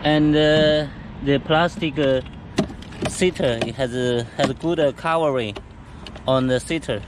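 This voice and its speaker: A factory sales rep with a mid-range voice walks through a go kart outdoors, standing beside go karts on pavement. His English is halting, full of fillers and restarts, and the outdoor camera audio picks up background noise.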